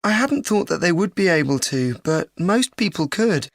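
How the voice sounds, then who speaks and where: In a scripted educational dialogue, a woman plays an earnest, thoughtful university student discussing a joint presentation. Her lower voice has a sing-song lilt and a moderate pace, captured at studio quality without echo.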